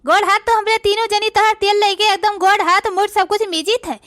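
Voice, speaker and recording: A woman's voice: very high-pitched, steady tone, fairly quick, fairly bright tone. A woman voicing a bold, scheming young daughter-in-law in a cartoon, with an Awadhi accent and a sassy, boastful manner. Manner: sassy, boastful, talks to the audience. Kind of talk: comic cartoon dialogue.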